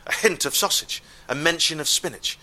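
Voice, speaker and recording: A man telling a comic story live, wry and exasperated, with deadpan asides. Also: fairly high pitch, brisk.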